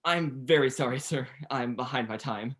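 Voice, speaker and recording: A young performer playing a meek, flustered Victorian gentleman in a 1930s-style radio play, hesitant and deferential, with a husky voice. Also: mid-range voice, normal speed, close to an everyday voice. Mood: meek, apologetic. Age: young adult.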